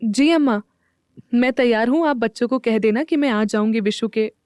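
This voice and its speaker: A woman voicing a reserved young woman in an audio story, speaking flatly and with some hesitation. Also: on the high side, normal speed, dry recording, clean studio sound, close to an everyday voice. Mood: guarded. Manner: expressionless, hesitant.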